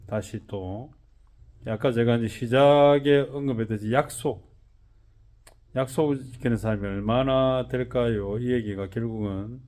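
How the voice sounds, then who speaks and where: Gyeongsang man in his forties, shop owner vlogging, rambling and worn out from an all-nighter, mid-pitched. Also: measured pace, darkish tone. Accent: Gyeongsang Korean. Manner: rambling, loose and chatty. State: tired from an all-night job. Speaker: car detailing shop owner. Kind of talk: casual vlog narration.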